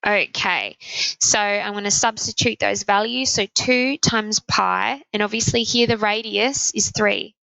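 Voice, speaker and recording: Brief: croaky female maths teacher, bright voice, working sums out aloud step by step, dry close sound. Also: mid-range voice, no room sound, low-quality recording. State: croaky, sore throat. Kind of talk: maths lesson explanation.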